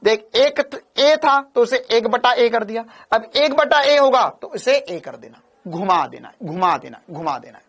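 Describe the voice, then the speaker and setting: A man's voice: extremely high pitch, lively intonation, a little slow, few pauses, a bit bright. A male physics teacher giving an online coaching class, repeating phrases and firing questions at his students. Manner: keeps asking viewers to confirm and give a thumbs up.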